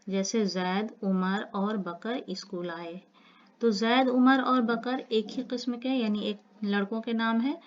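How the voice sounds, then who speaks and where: A woman teaching an online grammar lesson, explaining slowly with repeated examples and speaking to her students as children. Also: mid-range voice, dull audio.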